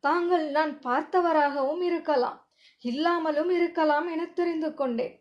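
A woman's voice: high-pitched, normal speed, natural voice. A woman reading the part of a cheeky young male warrior who talks in evasive, mock-humble riddles, on a dull lo-fi recording. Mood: sly. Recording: dull lo-fi audio.

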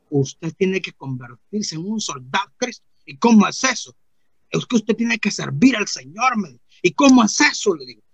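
A naive, rambling rustic churchgoer, as a man puts him on in a comic monologue, speaking with a gravelly, husky voice pitched a bit high. He keeps looping back with "mire" and acts out the other voices in his tale. The recording is dull and lo-fi, and the room sounds dry. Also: no echo, heavily acted.

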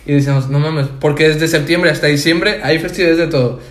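A man's voice: fairly high pitch, moderate pace, echoey room. A young man with a Mexican Spanish accent, co-hosting a casual podcast chat in a laid-back, slangy way, often restarting his words. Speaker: podcast co-host.

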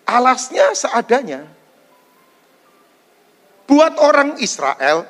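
A man preaching a sermon as pastor, animated, putting questions to the congregation and mixing in English phrases. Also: high voice, in a large hall.

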